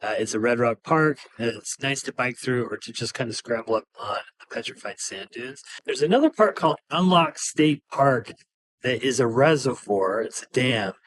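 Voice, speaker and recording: A man's voice: mid-range voice, moderate pace, fairly bright tone, dry recording, rough recording. Man, chatty and joking, middle-aged travel co-host. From Utah. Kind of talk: casual travel tips to camera.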